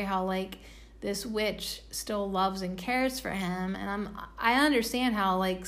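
A young woman casually rambling with lots of fillers while reading oracle cards in a vlog. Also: medium pitch. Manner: rambling, loose, full of "like" fillers. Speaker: oracle card reader.

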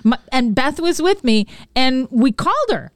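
A woman's voice: high-pitched, normal speed, no room sound. Laughing American woman telling a story. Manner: animated storyteller, laughing often. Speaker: guest telling a personal story. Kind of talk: casual podcast chat.

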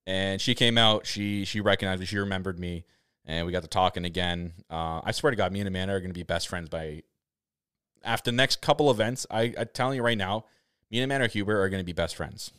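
A young man co-hosting a podcast, telling a story in casual chat, excitable, laughing often, with many restarts. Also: low voice, fast, clean tone, dry recording, clean studio sound. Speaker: podcast co-host.

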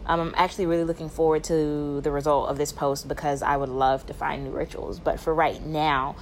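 Low-voiced young woman, earnest voice note. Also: little pitch movement, brisk, slight background noise. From Atlanta, Georgia, United States. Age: young adult. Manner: earnest, composed, thoughtful. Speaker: podcast listener. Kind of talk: voice note message.

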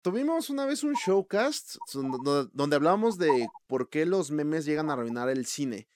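A young man with a Mexican Spanish accent co-hosting a casual movie chat, slangy and animated, acting out quoted reactions. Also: a little high, moderate pace, dry recording, clean studio sound. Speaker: podcast co-host.

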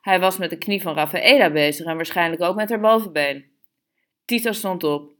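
A woman narrating a literary story in a calm, measured way. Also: lowish voice. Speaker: audiobook reader.

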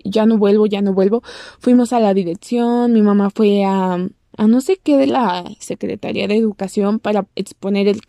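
Young mexican woman rambling through a story, warm low-key tone, dry close sound. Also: dry recording. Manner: chatty, acts out quoted lines in a squeaky voice. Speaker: vlogger. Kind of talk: personal storytelling.

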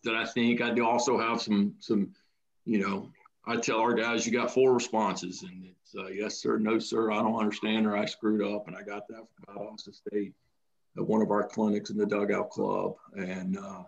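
A man, a high school baseball coach telling stories in a casual podcast chat. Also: normal speed, creaky, dull audio. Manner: storytelling, animated when quoting kids.

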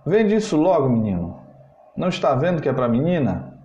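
A man's voice: on the high side, sing-song, moderate pace, warm tone, a little hiss or hum. A man voicing a pushy rich businessman father who haggles impatiently, in a roomy, slightly dull recording.

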